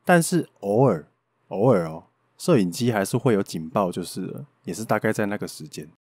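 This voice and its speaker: A man's voice: on the low side, lively intonation, a little fast, darkish tone, slightly rough, dry recording, clean studio sound. A man with a Taiwanese Mandarin accent, hosting a podcast and telling a ghost story in a playful, joking way with mild swearing. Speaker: podcast host. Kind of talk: casual storytelling.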